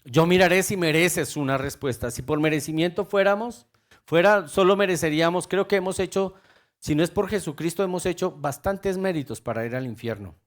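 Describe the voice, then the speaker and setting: A man preaching a sermon with passion, swinging between loud urgent calls and quiet low remarks. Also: a little fast.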